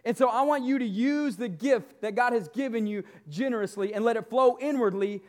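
High-pitched preacher man, exhorting. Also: a little fast, darkish tone. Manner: exhorting, motivational, seeking amens from listeners; emphatic, repeats key phrases. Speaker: pastor. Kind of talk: church sermon.

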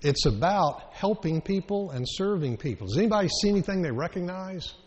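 A man's voice: high-pitched, lively intonation, fairly quick, a little mellow. A man with a Southern US accent giving an informal children's sermon, encouraging them with simple questions and repeated phrases. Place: church interior, moving around. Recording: muffled, reverberant hall with faint noise.

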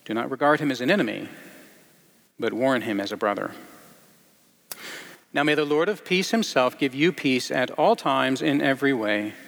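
A man reading scripture and then preaching a sermon in a halting way, with many fillers and restarts. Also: mid-range voice, lively intonation, creaky, fairly bright tone, long reverb tail. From grew up partly in Iceland.

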